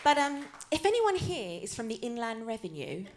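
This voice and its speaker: A woman with a high voice, talking in a chatty, self-mocking way. She tells stories with quick asides, as in live stand-up comedy. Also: sing-song, noisy background. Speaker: comedian and impersonator.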